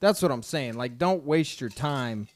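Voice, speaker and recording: A man's voice: mid-range voice, lively intonation, unhurried. A young man co-hosting a podcast in casual chat, blunt and dismissive, swearing freely. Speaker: podcast co-host.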